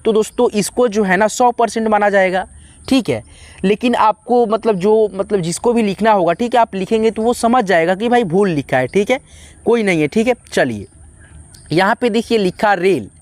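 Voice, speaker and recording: A man's voice: sits high, dry recording. A man teaching an English spelling lesson, spelling each word out letter by letter and checking in with his viewers again and again. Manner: slowly spells out letters, often adds "theek hai" to check in; addresses viewers as friends, patient and repetitive.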